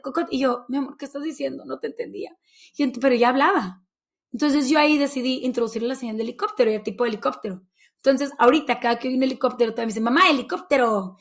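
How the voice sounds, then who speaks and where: A Mexican woman, a baby sign language instructor, chatting as an interview guest and acting out little exchanges with her kids. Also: sits high. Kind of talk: casual interview chat.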